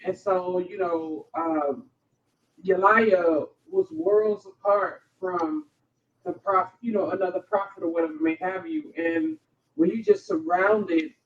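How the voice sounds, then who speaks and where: An American woman on a scripture study panel chats casually about the Bible, checking in often with listeners. With no mic of her own, she's caught from across the room by someone else's, so her low, unhurried voice sounds distant and muffled.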